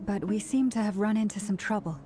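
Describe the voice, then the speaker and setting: An actress playing a polite, curious young woman companion in a video game, speaking in a measured, inquisitive way. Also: medium pitch, lightly acted. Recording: music behind the voice.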